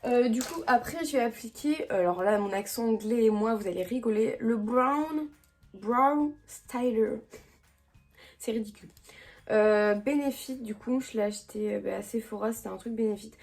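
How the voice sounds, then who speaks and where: A woman's voice: medium pitch, fairly quick, a little mellow, faint music behind. A young woman casually chatting through her makeup routine at home, rambling and slangy with lots of fillers and restarts. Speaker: beauty vlogger. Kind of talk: casual makeup vlog chat. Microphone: camera mic.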